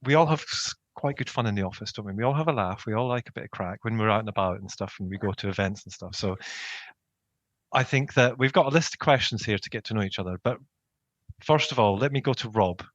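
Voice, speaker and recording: A man's voice: on the low side, fast talker, a bit bright, no echo, muffled recording. A man hosting a podcast in a casual, informal and jokey conversational style. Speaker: podcast host. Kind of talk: casual banter chat.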